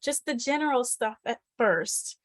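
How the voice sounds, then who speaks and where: A woman's voice: a little high, animated, measured pace, dry recording. Woman hosting, dry close sound. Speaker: host. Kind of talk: conversational meeting hosting.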